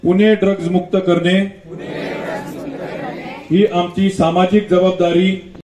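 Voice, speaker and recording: A man, a police representative, speaks over a PA loudspeaker to a crowd, dictating a public oath phrase by phrase. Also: sits high, flat delivery, roomy sound, noisy background. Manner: measured, addressing a crowd. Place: outdoor festival gathering.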